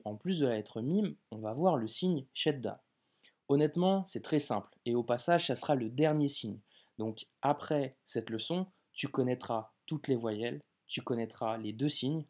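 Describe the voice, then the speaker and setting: Male tutor, mellow voice, chatty and informal, slows down on sample words. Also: mid-range voice. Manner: informal, addresses viewer as tu, drawn-out example words. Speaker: Arabic reading teacher. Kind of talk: casual video lesson.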